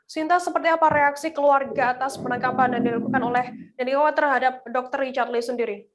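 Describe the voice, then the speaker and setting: Female news anchor, high-pitched and crisp, reads the script in a measured way. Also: steady tone, background noise.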